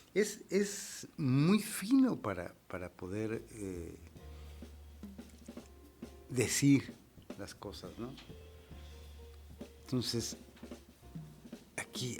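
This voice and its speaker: Slow, hesitant man musing on poetry. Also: fairly low pitch, darkish tone. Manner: hesitant, with many repeated words and fillers. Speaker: host of a poetry program. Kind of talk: slow, reflective talk on poetry.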